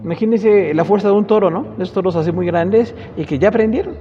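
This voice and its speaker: A man's voice: sits high, fast, slight background noise. A male Bible teacher with a Mexican Spanish accent, giving a conversational church-class lecture and often tagging sentences with rhetorical questions. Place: church hall. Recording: dull lo-fi recording with long hall reverb.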